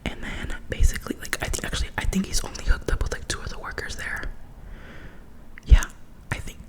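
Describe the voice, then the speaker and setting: A young woman whispering a chatty, gossipy ASMR storytime in casual slang, with animated and dramatic retelling. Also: brisk.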